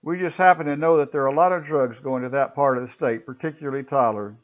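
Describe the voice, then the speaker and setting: Man voicing a gruff suspicious police officer. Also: medium pitch, fairly even intonation, fast talker, highs cut off, close to an everyday voice. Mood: dazed.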